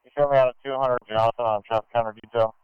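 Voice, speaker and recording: A man's voice: medium pitch, fairly even intonation, very fast, smooth, no echo, highs cut off. A male police officer making clipped unit calls over a police radio. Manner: spells out plates with phonetic names and single digits.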